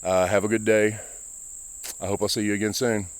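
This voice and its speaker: A man with a fairly low voice rambles through his opinions while out walking, a little out of breath. The sound is dry and close, with crickets chirping behind him outdoors. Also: little pitch movement, fairly quick, smooth, dry recording. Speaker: gaming vlogger. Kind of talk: casual vlog monologue while walking. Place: outdoors on a walk, rural.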